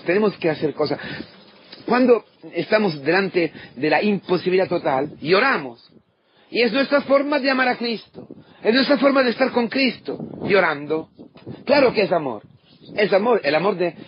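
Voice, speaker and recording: A man preaching an impassioned sermon as a priest, swinging from loud declarations to hushed asides. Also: high-pitched. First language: Italian. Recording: dull lo-fi recording with faint noise.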